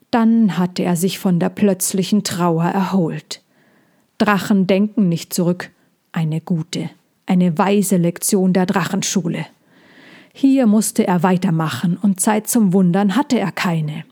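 A woman narrating a children's story in a measured reading voice. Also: fairly low pitch, warm tone.

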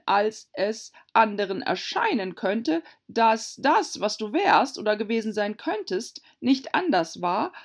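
Woman putting on a fussy old duchess, pompous, singsongy and loud. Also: on the high side, vocal fry, pitched above the performer's own voice, full character voice.

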